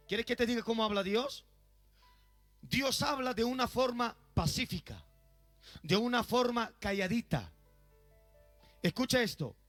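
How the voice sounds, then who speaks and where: A male pastor preaching a sermon in a church, emphatic and often putting questions to the congregation. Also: high voice.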